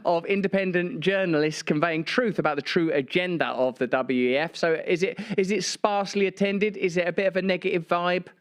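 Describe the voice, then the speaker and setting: A man's voice: sits high, fairly even intonation, fairly quick, hardly any pauses. A man hosting a comedic interview, talking in a mocking, theatrical way and laughing easily. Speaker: host.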